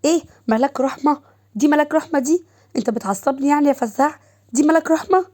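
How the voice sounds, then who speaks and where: A woman storyteller doing a jealous young wife from Egypt in an audio story. Her voice jumps high and sharp with temper, carried on a mellow, darker tone. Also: fast talker, lightly acted. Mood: angry.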